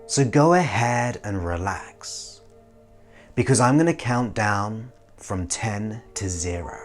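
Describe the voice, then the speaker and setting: A man leading a guided hypnosis as a slow, soothing countdown, pausing between short phrases. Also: on the low side, animated. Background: music.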